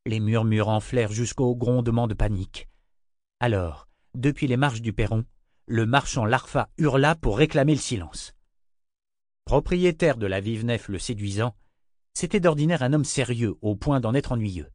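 Man calmly narrating an audiobook. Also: mid-range voice, no echo, clean studio sound. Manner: even, measured reading. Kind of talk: scripted narration.

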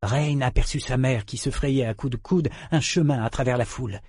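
A man reading a novel aloud as an audiobook narrator, in a measured, even storytelling manner. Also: mid-range voice, husky, no echo, studio quality. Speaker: audiobook reader. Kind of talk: scripted narration.

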